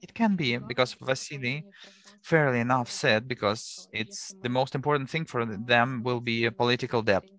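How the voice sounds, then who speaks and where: A man giving live simultaneous interpretation of a panel speaker, measured and rephrasing as he goes. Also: mid-range voice, a bit bright, poor audio.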